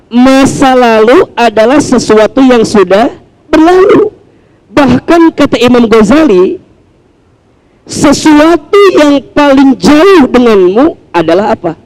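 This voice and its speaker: A man's voice: extremely high pitch, darkish tone, rough recording. A man preaching a sermon, often asking the audience a question and answering it himself. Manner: switches into heartfelt, pleading acted prayers.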